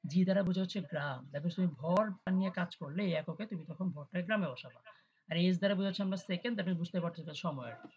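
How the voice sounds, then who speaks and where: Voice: mid-range voice, fast, slightly rough. A tutor gives an online class lecture over a video call. The tutor talks conversationally, keeps checking in with students, and mixes English terms into the explanations. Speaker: chemistry tutor. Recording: dull, lo-fi audio with faint hiss.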